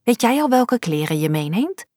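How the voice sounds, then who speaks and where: Brief: hushed teen girl friend in class, voiced by a woman reading a novel, dry booth sound. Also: fairly high pitch, sing-song, normal speed, no echo. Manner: whispered asides.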